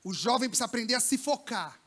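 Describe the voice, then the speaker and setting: A man preaching a lively sermon to young people in a church service, colloquial and slangy, swinging between loud bursts and hushed lines. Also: extremely high pitch, quick pace. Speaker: pastor. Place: church service with a live congregation.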